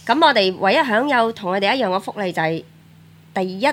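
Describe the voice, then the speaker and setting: A woman's voice: medium pitch, lively intonation, fairly quick. A woman, chatting casually and explaining things to the group. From Malaysia. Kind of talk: casual chat, explaining life back home.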